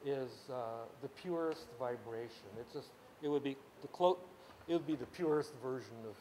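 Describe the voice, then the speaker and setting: In poor audio with a little hiss or hum, a music teacher gives a casual workshop class on sound in a workshop room at a camp. Of Ukrainian-speaking background, he rambles explanatorily at length, restarting often and saying "you know" a lot, in a mellow mid-range voice at a moderate pace.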